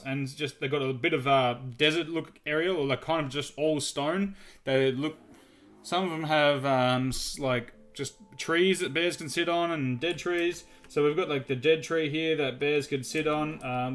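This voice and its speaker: A man's voice: a little high, moderate pace. A man hosting a casual gaming video, narrating his building as he goes in a chatty, rambling way with many restarts. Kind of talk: casual gameplay commentary.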